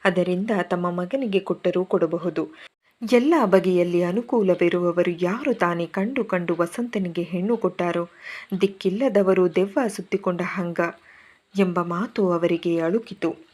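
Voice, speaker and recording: Low-voiced woman reading a novel aloud. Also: unhurried, a little mellow. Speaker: narrator reading a Kannada novel. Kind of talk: audiobook narration with character dialogue.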